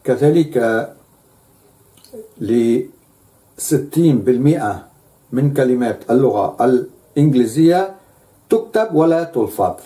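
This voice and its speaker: Mellow-voiced man lecturing emphatically. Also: medium pitch, expressive, slow pace, long pauses. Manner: emphatic, repeats words for stress.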